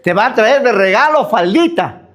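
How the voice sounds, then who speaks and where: A man's voice: very high-pitched, animated, moderate pace, fairly bright tone. A man preaching a sermon as pastor, full of rhetorical questions.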